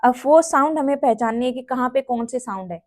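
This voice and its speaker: In a classroom shorthand lesson, a woman explains things step by step, going slowly and repeating each sound and place one by one as she spells them out. Her voice is high, animated and a little mellow.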